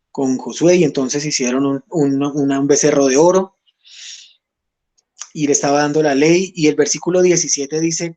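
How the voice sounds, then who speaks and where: Man teaching Bible study, mellow voice. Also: a little high. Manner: reads scripture aloud, checks in with "¿listo?". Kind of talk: online Bible study class.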